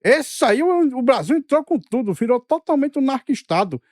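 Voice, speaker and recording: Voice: high voice, sing-song, normal speed, a little mellow, dry recording, studio quality. A co-host making sarcastic, mocking asides in political commentary.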